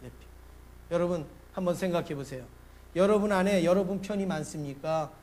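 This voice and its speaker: A man preaching a Sunday sermon in a fairly high voice. He keeps putting questions to his listeners and acts out the scenes of his story, dropping to a hush and then rising loud. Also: brisk. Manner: asks the congregation questions and acts out a story with big swings in loudness. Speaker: pastor.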